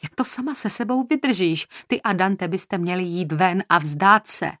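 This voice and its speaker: A woman's voice: lowish voice, fairly bright tone, no echo, studio quality, lightly acted. A woman reading as a bitter, hostile woman. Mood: angry. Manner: harsh, raises her voice in anger.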